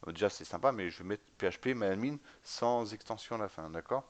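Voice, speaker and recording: Lower-voiced man explaining server setup. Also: lively intonation, brisk. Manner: casual, many fillers, spells out commands letter by letter; often checks in with "d'accord?". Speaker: tutorial instructor. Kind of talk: screen-recorded command-line tutorial.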